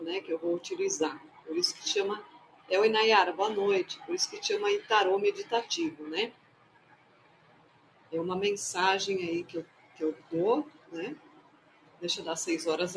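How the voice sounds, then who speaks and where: A playful woman chats casually on her live stream, welcoming viewers by name. She takes her time, speaking slowly and easily, while a faint hum sits behind her voice. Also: on the low side, poor audio. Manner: playful, chatty, greets viewers one by one. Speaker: live-stream host and tarot reader.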